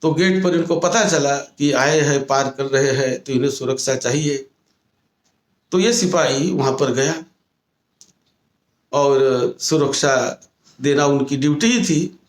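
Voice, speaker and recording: Buddhist monk telling a sermon story. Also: male voice, mid-range voice, reverberant. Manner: slow, repetitive storytelling with restated phrases.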